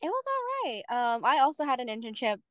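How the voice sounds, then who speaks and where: A woman's voice: high voice, big pitch swings, fast, no room sound. A young woman, an outgoing podcast host, chatting casually and peppering her speech with "like.". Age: young adult. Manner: chatty, heavy use of "like" fillers. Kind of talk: casual chat.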